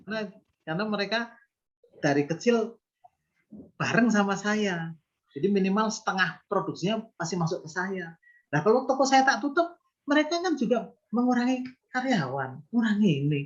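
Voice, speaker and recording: A high-pitched man in his fifties, a business owner, talks earnestly and reflectively in an interview, frequently asking rhetorical questions. His pitch swings widely at a normal speed, captured on a muffled recording.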